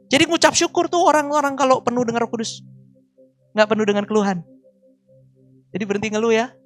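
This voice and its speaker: A man in his forties preaching a sermon, telling personal stories in a lively voice that swings between loud and soft. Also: extremely high pitch, fast, soft background music. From Indonesia. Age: 40s. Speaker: pastor. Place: church service.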